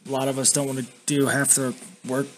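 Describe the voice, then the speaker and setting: A young man giving a casual, blunt, sweary software review, talking with tobacco dip tucked in his lip. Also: mid-range voice, little pitch movement, a little fast. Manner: talks with a lip full of dip. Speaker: YouTube reviewer. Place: indoors at a home computer. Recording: constant background noise.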